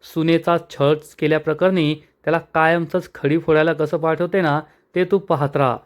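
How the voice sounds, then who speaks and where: A man's voice: fairly high pitch, steady tone, moderate pace, close to an everyday voice. A man voicing a scheming aunt who plots against a neighbour, in a read serial recap. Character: scheming aunt plotting revenge.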